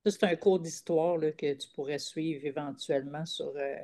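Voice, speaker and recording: A woman comedian with a Quebec French accent, chatting casually in an interview and pausing often on filler sounds. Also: sits low, steady tone, dark tone. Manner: halting, frequent "euh" fillers. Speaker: comedian guest.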